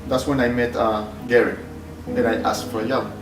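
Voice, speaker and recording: A man's voice: mid-range voice, little pitch movement, normal speed. A middle-aged man from El Salvador, a shop owner answering interview questions in a plain, hesitant way with many fillers. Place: clutch workshop. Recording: roomy sound from a distant mic, music behind.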